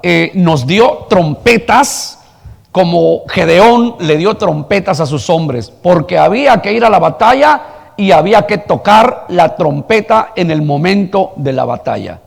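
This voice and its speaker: A man's voice: high-pitched, animated, a little slow, gravelly, big-room sound. A man preaching a sermon as pastor, asking the congregation rhetorical questions and telling a story. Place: church hall.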